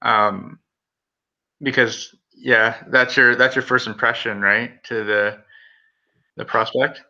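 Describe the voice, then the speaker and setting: Male coach, practical tone, forceful timbre, dull lo-fi sound. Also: medium pitch, little pitch movement, takes it slowly. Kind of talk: giving practical tips on a group call.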